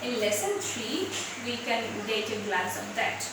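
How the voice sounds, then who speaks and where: Woman, Bengali accent, native Bengali speaker, English teacher, didactic questioning and repetition, distant mic, loud noise. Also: fairly high pitch, very animated, moderate pace, very echoey. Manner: didactic, asks questions and repeats key words. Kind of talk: classroom lesson, reading aloud and explaining word by word.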